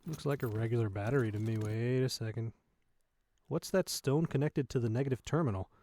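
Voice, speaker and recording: A man's voice: mid-range voice, fairly quick, dark tone, no room sound, close to an everyday voice. A man playing a dismissive, money-minded spaceship salvage worker in a science fiction audio drama, practical and sarcastic. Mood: matter-of-fact.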